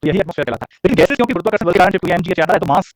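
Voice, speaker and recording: A man teaching a geography lesson at a rapid clip, firing questions at his listeners and repeating each answer so they can copy it down. His voice sits a little high for a man. The sound is dry and close, with no room echo. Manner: repeats answers for note-taking; drawls out English question phrases.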